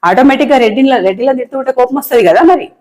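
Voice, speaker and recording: Fast, fiery Telangana woman ranting. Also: sits high, darkish tone, poor audio. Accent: Telangana Telugu. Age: adult, married. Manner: angry, impassioned and repetitive. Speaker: online political commentator. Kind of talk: heated monologue to camera.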